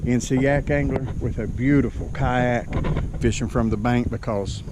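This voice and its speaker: A man's voice: medium pitch, fairly even intonation, moderate pace, background noise. A man vlogging outdoors at a lake boat landing, out of breath, exasperated and self-deprecating, often calling on the Lord. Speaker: kayak fishing vlogger. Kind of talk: casual outdoor vlog.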